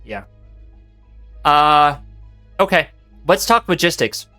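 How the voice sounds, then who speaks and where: Halting male game master over faint music. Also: fairly high pitch, expressive, pushed and bright. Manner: halting, thinking aloud. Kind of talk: casual tabletop game talk.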